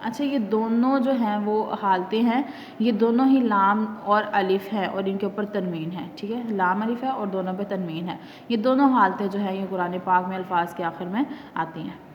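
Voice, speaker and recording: A Pakistani woman teaches Quran reading in a roomy space with a long reverb tail. The recording sounds dull and lo-fi, with a faint hiss behind her. She explains patiently and drills each letter slowly and clearly. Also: mid-range voice. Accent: Pakistani Urdu. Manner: patient explaining with frequent fillers. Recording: echoey, dull lo-fi classroom recording.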